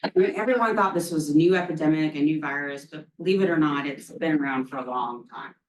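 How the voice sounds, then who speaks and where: Low-voiced woman lecturing in a roomy hall. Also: quick pace, distant mic. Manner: chatty, frequent ums, self-deprecating asides. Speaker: infectious disease lecturer. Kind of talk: academic lecture.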